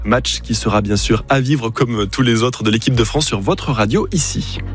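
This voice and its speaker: A man's voice: mid-range voice, normal speed, music in the background. Male radio headline reader. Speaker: radio news presenter. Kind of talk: news headlines reading.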